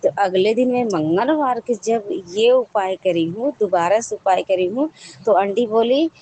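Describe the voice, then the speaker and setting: A woman's voice: mid-range voice, a little slow, warm tone, a little hiss or hum, rough recording. A woman sharing a devotional testimony with a congregation, telling her story in a rambling, repetitive way with frequent restarts.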